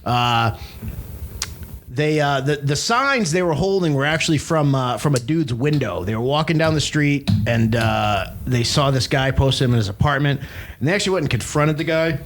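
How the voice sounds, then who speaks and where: A man's voice: mid-range voice, expressive, normal speed, noisy background. A man from Maine co-hosting a casual podcast chat, telling a story in a rambling way with lots of fillers. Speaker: co-host.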